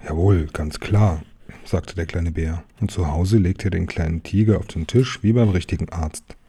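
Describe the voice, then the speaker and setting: Deep, dark-voiced man reading a story. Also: moderate pace, slightly rough. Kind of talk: reading a children's book aloud.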